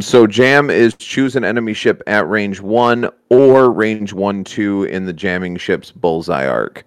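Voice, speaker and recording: Man, very low voice, smooth and resonant, hesitant thinking aloud, dry sound. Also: no echo. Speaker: podcast co-host. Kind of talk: casual tabletop game discussion.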